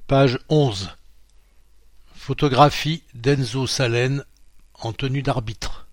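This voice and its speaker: Male reader, mid pitch, plain dry studio sound; reads articles aloud, calls out pages and quote marks. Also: slow, dry recording. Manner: reads out quote marks and page numbers, steady informative delivery. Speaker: magazine reader. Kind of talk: read-aloud narration of a printed magazine.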